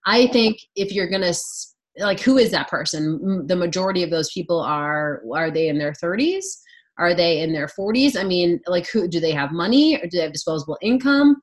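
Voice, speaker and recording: Woman coach, lower-pitched, casual and reassuring, filler-heavy delivery. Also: animated, a little fast. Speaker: business coach leading a group call.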